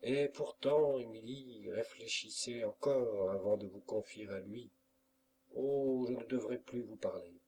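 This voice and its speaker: A man's voice: mid-range voice, a little slow, mellow, a little hiss or hum, lightly acted. A man voicing an anguished young lover who pleads earnestly, in an audiobook. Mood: pleading.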